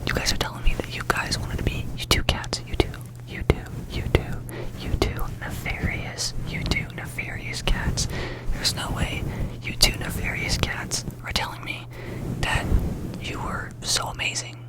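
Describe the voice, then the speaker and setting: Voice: normal speed, rough recording. A young adult ASMR creator whispering breathily into a close microphone, chatting casually in a rambling, informal way with repeated words and phrases. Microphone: close ASMR microphone with fluffy cover.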